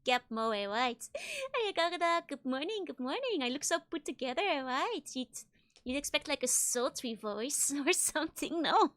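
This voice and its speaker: A woman livestreamer chatting casually with viewers in a bubbly, giggly, gushing way, with a high-pitched bright voice. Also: big pitch swings, normal speed. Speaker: streamer, virtual YouTuber host.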